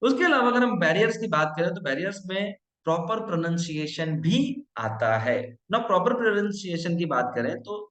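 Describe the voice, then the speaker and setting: A man's voice: high voice, lively intonation, moderate pace, few pauses, a bit bright, echoey room, low-quality recording. A middle-aged man giving a training lesson, explaining and demonstrating word pronunciations, mixing English phrases into his talk. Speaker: trainer and consultant.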